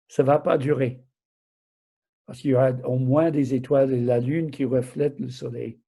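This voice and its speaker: Here the preacher's voice is medium in pitch, dark, and slightly rough. In his sixties or older, with an accent that is part southern French and part American, he teaches the Bible in an informal way, his French hesitant and a bit broken, with frequent self-corrections and check-ins with his listeners.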